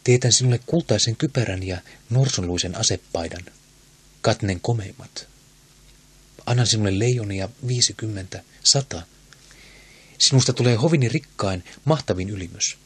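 A man's voice: fairly low pitch, husky. A man voicing a proud, passionate queen in an audiobook, speaking in a commanding, intense way.

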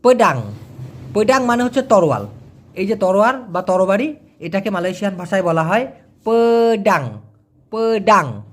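Man teaching words, lively voice. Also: high voice. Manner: explains slowly, spells out letters, repeats words. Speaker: language teacher. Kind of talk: casual vocabulary lesson.

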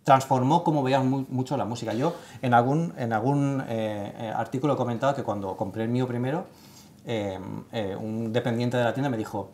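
An expressive man in his thirties on a studio panel, telling stories with emphasis. He stumbles and restarts often and fills pauses with "eh". His voice sits at a middle pitch. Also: slight background noise. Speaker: tech site writer leading the segment. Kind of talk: casual panel discussion. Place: studio set with sofa.

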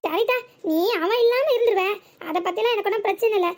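A woman's voice: very high-pitched, quick pace. A woman voicing a scheming older village mother-in-law with a southern Tamil Nadu accent, coaxing and guilt-tripping in a cartoon. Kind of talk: cartoon voice acting.

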